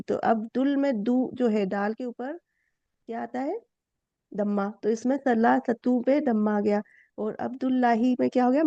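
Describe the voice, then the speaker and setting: A woman's voice: vocal fry, mellow, no room sound. A woman teaching grammar in an online class, explaining step by step and quizzing her students. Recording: dull low-fi dry sound.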